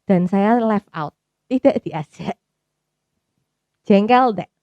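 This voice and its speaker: A woman's voice: mid-range voice, lively intonation, slow pace, no echo, muffled recording. A woman with a Javanese accent giving a personal church testimony in a chatty way, dropping English phrases in and acting out her own thoughts. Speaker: testimony speaker at a youth service.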